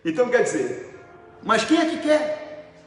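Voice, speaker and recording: Brazilian pastor guy, middle aged, preaching a sermon, high-ish voice, very echoey long reverb hall. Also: very animated, a little slow. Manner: emphatic, conversational preaching that questions the congregation. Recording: very echoey hall, faint noise.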